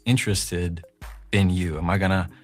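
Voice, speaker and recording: A man's voice: low voice, steady tone, moderate pace, faint music behind. A man giving conversational advice in an earnest way, leaning on rhetorical questions. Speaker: talk guest in a played video.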